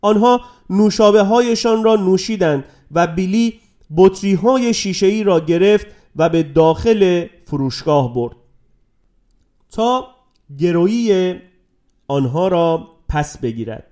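Male narrator, storybook reading, measured and dramatic, high for a man. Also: animated, mellow.

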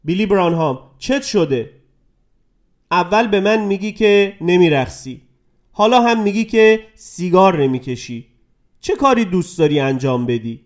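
A young woman on a date who keeps mocking and needling the boy beside her, voiced by a man reading the story. Her tone is scornful. Her pitch sits fairly high. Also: lively intonation. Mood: taunting.

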